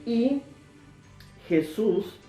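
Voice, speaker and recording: A man's voice: very high voice, expressive, extremely slow, dark tone, roomy sound, distant mic, faint music behind, poor audio. A man teaching a Bible sermon in an emphatic way, repeating words for stress. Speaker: preacher.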